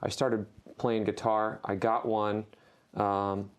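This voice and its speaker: A man from rural Ohio, a guest musician talking casually in an interview, relaxed and halting with lots of fillers. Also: fairly low pitch, smooth. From rural Ohio, USA.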